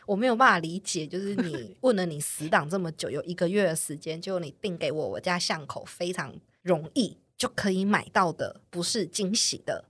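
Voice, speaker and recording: Woman, husky voice, lowish pitch, dry close sound, animated storytelling. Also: brisk, hardly any pauses, dry recording. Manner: animated, quotes others in put-on voices. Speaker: podcast co-host telling a dating story. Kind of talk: casual storytelling chat.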